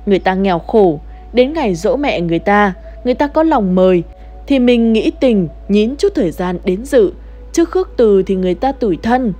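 A woman voicing an older village husband who gently scolds and reassures his wife. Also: mid-range voice, expressive, normal speed, lightly acted. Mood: scolding.

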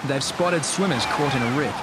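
A man's voice: mid-range voice, moderate pace, very noisy. A man narrating a documentary in a wry, storytelling way. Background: music.

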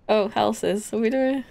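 A chatty woman with a fairly high voice talks to her viewers while she plays, close to her mic. She giggles a lot and keeps the talk loose and casual. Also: gravelly, a little mellow. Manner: giggly, chatty, often laughing. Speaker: streamer. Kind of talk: casual live-stream chat while gaming.

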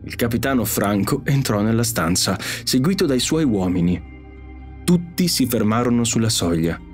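Animated male audiobook narrator. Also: mid-range voice, moderate pace. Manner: expressive, animated reading. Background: faint music.

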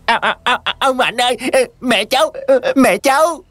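A man's voice: very high voice, expressive, moderate pace, sharp tone, faint music behind, pitched above the performer's own voice, heavily acted. A man voicing a frightened younger brother who stammers and cries out in panic, in a storybook horror reading. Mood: panicked.

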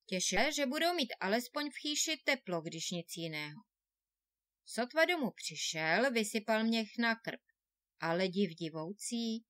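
A woman reading an old fairy tale aloud with expressive storytelling. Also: a little high, dry recording, clean studio sound. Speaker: audiobook reader.

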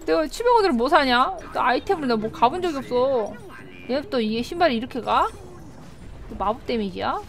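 A female game streamer commentating her own match live, exasperated, yelling at the game and grumbling to herself. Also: sits high, animated, brisk, gravelly, faint music behind.

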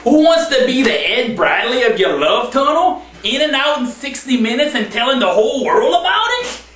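A man's voice: extremely high pitch, sing-song, moderate pace, a bit bright. A young man performing comedy jokes in a brash, exaggerated, boisterous call-and-response delivery. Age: young adult. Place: bare indoor room, standing group. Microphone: camera mic a few metres away. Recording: roomy, noisy camera audio from a distance.

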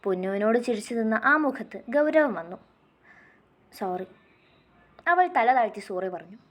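A woman narrating a love story in a gentle, intimate way, speaking straight to her listeners. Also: medium pitch, animated, quick pace.

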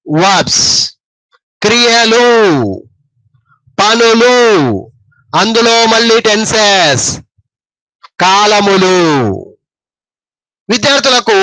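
A man with a high, bright voice and a Telugu accent teaches an English grammar lesson. He talks slowly and repeats himself, often stopping to quiz his listeners. The sound is dry and close. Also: dry recording, poor audio. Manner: explains slowly, repeats words and quizzes the listeners.

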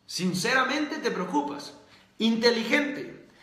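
A man hosting a motivational book-review video, talking emphatically with rhetorical questions and drawn-out stresses. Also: very high-pitched, expressive, pushed and bright, reverberant. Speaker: host.

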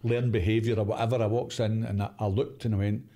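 A Glaswegian man in his sixties tells his stories with a fairly low, mellow voice. He is animated and acts out what others said. He breaks into laughs often. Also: fast. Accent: Glaswegian Scottish. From Glasgow, Scotland. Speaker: interview guest, former footballer. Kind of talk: casual storytelling interview.

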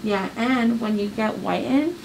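A woman's voice: a little high, measured pace, vocal fry, darkish tone, a little hiss or hum, poor audio. A woman dentist talking through a face mask, explaining treatment to a patient in an easygoing, chatty way with many filler words. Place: dental office.

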